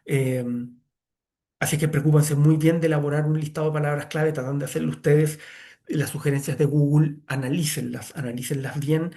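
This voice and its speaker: A man's voice: on the high side, steady tone, moderate pace, mellow. A man giving a screen-share tutorial as an online course instructor, talking conversationally with many "eh" fillers.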